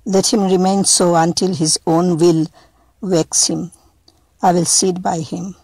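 A woman voicing a calm, gentle father in a storybook, speaking quietly and steadily in a slow, dry reading. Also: on the low side, slightly rough, dry recording.

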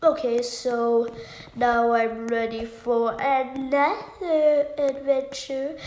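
A young girl of about nine giving bubbly, excited commentary while playing a game, exclaiming and gasping often. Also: sits high, echoey room, slight background noise. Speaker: gaming YouTuber.

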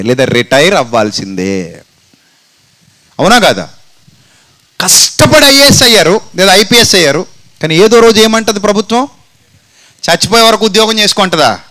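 A male preacher with a high, bright, ringing voice delivers a sermon. He keeps asking his listeners questions and answers them himself. He acts out people's words as dialogue, then drops into low, drawn-out phrases for emphasis. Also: rough recording.

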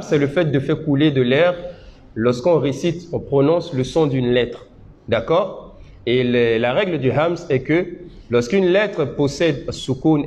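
A man teaching religion at a seminar, patiently explaining and checking with his audience, demonstrating Arabic sounds slowly. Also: medium pitch, darkish tone. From Côte d'Ivoire. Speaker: Islamic teacher. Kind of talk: religious teaching and Quran recitation lesson. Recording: dull lo-fi seminar recording with faint noise.

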